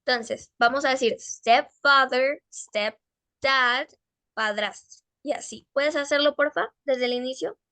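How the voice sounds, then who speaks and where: A woman teaching an English class, patiently correcting pupils and slowly drawing out English words. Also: high voice, gravelly, fairly bright tone, dry recording. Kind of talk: online class instruction.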